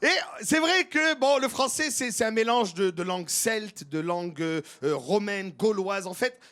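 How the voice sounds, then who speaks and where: Man, stand-up comedian, high voice, animated, jumping between voices. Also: moderate pace, a little hiss or hum. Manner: animated, slips into many put-on accents. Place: comedy stage before a live audience.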